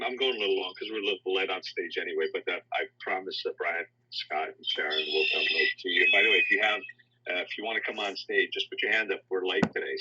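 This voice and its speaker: A man hosting a live talk session, telling a motivational story in an earnest way and getting animated when he quotes people. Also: deep voice, a little hiss or hum. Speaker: host of a live audio room. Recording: dull lo-fi audio.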